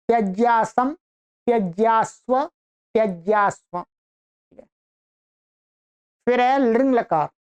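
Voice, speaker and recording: Slow, clear woman reciting verb forms. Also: on the high side, lo-fi sound. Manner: recites conjugations in a slow, measured list. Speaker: Sanskrit teacher. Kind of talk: online grammar lesson, reciting verb forms.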